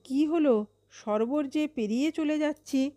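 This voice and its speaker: A woman's voice: fairly high pitch, sing-song, slow pace, dark tone, dry recording, studio quality. A woman voicing a shrewd, wary male crab in a storybook tale, bargaining cautiously. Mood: alarmed.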